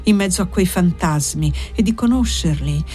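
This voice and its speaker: Low-voiced woman reading a novel. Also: soft background music. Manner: measured, expressive reading. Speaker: audiobook reader. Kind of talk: literary audiobook narration.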